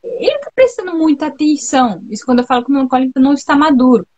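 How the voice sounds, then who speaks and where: A woman's voice: sits high, animated, rapid-fire, darkish tone, dull audio. A woman from Brazil hosting a live talk, speaking in a chatty, reflective way that keeps checking in with her listeners. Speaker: host of a live talk on temperaments. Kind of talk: casual live chat.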